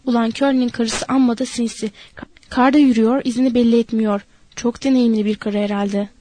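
A woman's voice: fairly high pitch, steady tone, fairly quick, dark tone, close to an everyday voice. A woman voicing a nervous, placating old male ranch hand. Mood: chatty.

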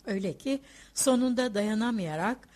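A woman narrating a literary audiobook in a measured, expressive reading voice. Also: fairly high pitch. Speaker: audiobook reader.

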